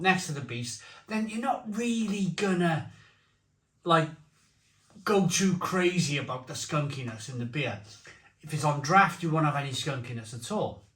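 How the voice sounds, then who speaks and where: A man's voice: fairly high pitch, fairly bright tone. A man giving a casual, rambling review to camera, repeating phrases for emphasis. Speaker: beer and snack reviewer. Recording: roomy echo.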